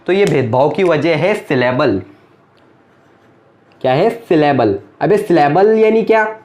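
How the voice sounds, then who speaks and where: A young man with a fairly high, darkish voice teaches grammar slowly at a board, his intonation lively. He stays patient and explanatory, continually asking questions and then answering them himself.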